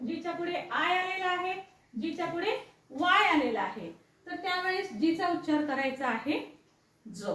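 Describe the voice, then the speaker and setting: A woman teaching English letter sounds, spelling out letters and repeating each sound slowly, often checking with "right?". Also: extremely high pitch. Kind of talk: classroom-style explainer lesson. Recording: echoey room, voice from a distance.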